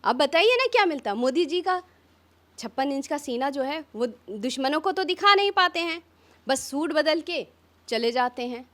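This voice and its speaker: A high-pitched woman speaks with fire in a press interview. She piles up rhetorical questions, sharp and insistent, like a politician making her case. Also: expressive. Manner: fiery, rapid rhetorical questions. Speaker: opposition politician.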